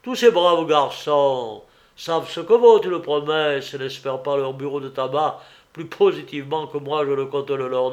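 A booming, good-humoured middle-aged politician, brushing off doubts with easy charm, as a male narrator puts him on. The voice rides high and loud, and the delivery is unhurried, breezy and persuasive, the way a storybook narrator gives a big personality its moment. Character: jovial, expansive southern politician, middle-aged man.

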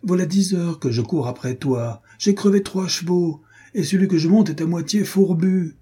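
A man voicing a boisterous, swaggering young cavalier who talks loud and teasing, out of breath. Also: high voice, moderate pace, breathy edge, voice pushed up.

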